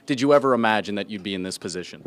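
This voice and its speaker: A man reporting live from the field, interviewing a guest in quick, conversational questions. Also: lowish voice, animated, a little hiss or hum.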